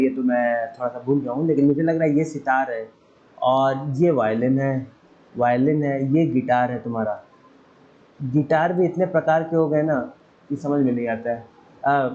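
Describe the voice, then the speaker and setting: A man's voice: medium pitch, darkish tone, muffled recording. A man teaching a casual science lesson, chatting loosely, admitting what he forgets and mimicking the sounds of instruments.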